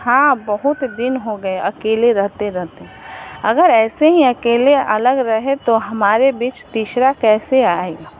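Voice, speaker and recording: A woman's voice: a little high, takes it slowly, dull audio, a little hiss or hum. A woman doing a tender young husband. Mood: fond. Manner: tender, teasing. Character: affectionate young male husband.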